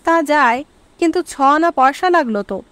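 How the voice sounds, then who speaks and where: A woman's voice: high-pitched, expressive, moderate pace, fairly bright tone, dry recording. Brief: plain-spoken young husband in an audiobook, matter-of-fact, a woman narrator's voice. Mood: mild. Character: mild practical young husband.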